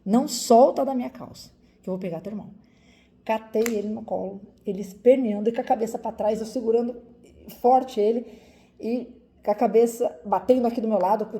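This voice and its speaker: A woman's voice: on the high side, warm tone. A woman from Brazil in her forties, a doctor, telling viewers a personal story in an emotional, vivid way with lots of repetition.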